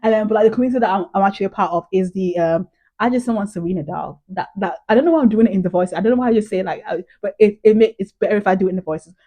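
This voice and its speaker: A woman's voice: mid-range voice, rapid-fire, hardly any pauses, mellow. A young British woman chatting casually to camera as a vlogger, gushing and full of "like" and "um". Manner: chatty, gushing, heavy use of "like" and "um".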